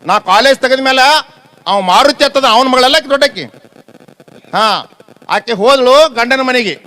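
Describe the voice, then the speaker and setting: A man's voice: extremely high pitch, normal speed, bright, forceful tone, rough recording. A man giving a sermon as a swamiji, with a North Karnataka Kannada accent, telling stories and asking the audience rhetorical questions. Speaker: swamiji giving a public talk.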